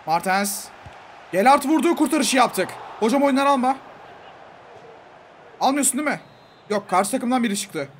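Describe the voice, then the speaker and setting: A young man giving casual, excitable commentary over a football video game, pleading with the coach and yelling at the referee. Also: high voice, a little hiss or hum. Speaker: gaming YouTuber. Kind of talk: live gameplay commentary.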